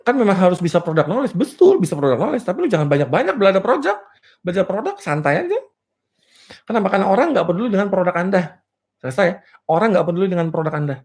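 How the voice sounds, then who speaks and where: A man's voice: high-pitched, very animated, fast talker. A male business coach giving a motivational seminar talk, playful, asking rhetorical questions and laughing at his own jokes. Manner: playful, rhetorical, repeatedly checks "clear?" with the audience. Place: live and virtual seminar.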